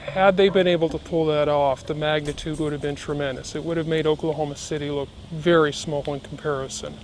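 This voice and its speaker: A woman police detective speaking in a measured, explanatory way, her voice electronically disguised and pitched down. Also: fairly even intonation, over music. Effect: voice disguised, electronically lowered. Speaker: undercover terrorism detective. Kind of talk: interview soundbites.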